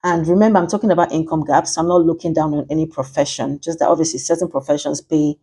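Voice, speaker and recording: A woman's voice: low-pitched, fairly even intonation, fast, warm tone, breathy edge. A woman, a matchmaker ranting chattily and with exasperation in a vlog.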